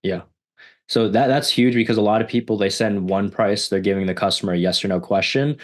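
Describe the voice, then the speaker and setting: A man's voice: fairly low pitch, brisk. A man hosting a business interview, summing up and affirming his guest's points. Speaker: podcast host.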